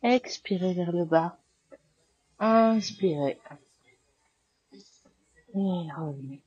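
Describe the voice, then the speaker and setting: A woman with a French accent guiding a yoga class, giving calm, slow cues with breath counts. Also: lowish voice, breathy edge, no room sound, dull audio. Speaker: yoga teacher. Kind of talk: guided yoga class instruction.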